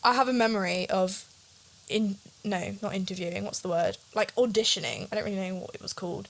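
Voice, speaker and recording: A woman's voice: mid-range voice, animated, brisk. A young woman co-hosting a chatty podcast, nervous and prone to rambling. She talks in long, self-aware trains of thought, catching and correcting herself as she goes. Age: young adult. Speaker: podcast co-host. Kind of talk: casual chat.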